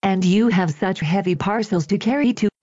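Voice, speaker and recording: A woman's voice: medium pitch, normal speed, dark tone, dry recording, natural voice. A polite little boy, as a woman reads him. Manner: courteous and eager to help. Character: polite, kind-hearted young boy. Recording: dull, dry lo-fi recording.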